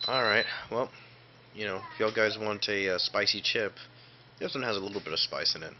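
A man's voice: fairly low pitch, a little fast. A man casually chatting through a snack review in a laid-back, rambling way. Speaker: food review vlogger. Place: small cluttered room indoors. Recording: dull lo-fi audio with hum and clicks.

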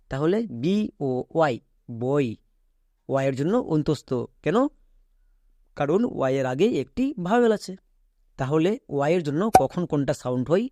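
Guy teaching reading online, kinda high voice, spells stuff out letter by letter, asks questions then answers them. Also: darkish tone, no echo, clean studio sound. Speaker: English teacher.

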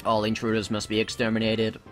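A man's voice: fairly low pitch, monotone, a little fast, faint music behind, lightly acted. A man putting on a robot voice to play a stiff android gym leader guarding a mine. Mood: menacing. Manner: put-on robot voice. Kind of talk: let's play commentary with voiced game characters.

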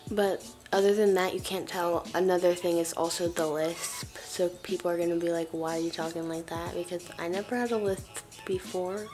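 A woman's voice: lowish voice, fairly even intonation, moderate pace, a little mellow, soft background music. A teenage girl vlogging in casual chat, talking with a slight new lisp and lots of fillers. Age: teens. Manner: chatty, filler-heavy, bubbly. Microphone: camera mic.

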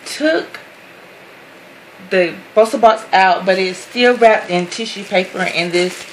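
A craft vlogger unboxes a handmade craft box while chatting casually to her viewers, gushing over every detail, apologizing often, and calling everyone "guys." Her voice is medium-pitched and slow, and the audio is poor with slight background noise.

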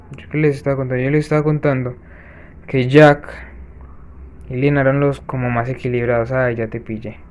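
A man's voice: mid-range voice, a little mellow, a little hiss or hum. Chatty man narrating his gameplay. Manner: chatty, talks viewers through the match with quick gasping reactions. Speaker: gaming channel host. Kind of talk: let's-play gameplay commentary.

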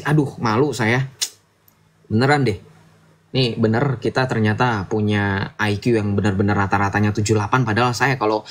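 A man hosts a casual livestream. He talks at a middle pitch in a chatty, lecturing way and keeps asking his listeners to agree. He speaks into a streaming mic. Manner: chatty, lecturing, asks "betul nggak?" often. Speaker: livestream host.

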